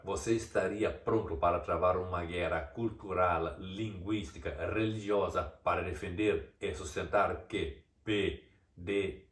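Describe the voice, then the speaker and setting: A man reading a scripted video essay, explaining step by step and asking mocking rhetorical questions. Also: low-pitched. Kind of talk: scripted narration. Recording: echoey room, distant mic.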